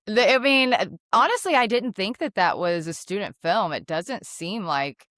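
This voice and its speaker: A woman's voice: medium pitch, lively intonation, moderate pace, fairly bright tone, no echo, clean studio sound. A woman host chatting casually in an interview, laughing often and leaning on fillers as she talks. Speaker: interviewer and actress.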